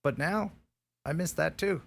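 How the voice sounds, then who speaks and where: A middle-aged man hosts a live stream, his voice slightly high, creaky and fairly bright, moving at an unhurried pace. He chats casually while grieving a lost dog, rambling and heartfelt, often restarting his sentences.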